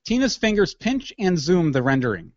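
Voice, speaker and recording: Man narrating scene directions, lively pitch. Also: moderate pace, no echo, dull audio.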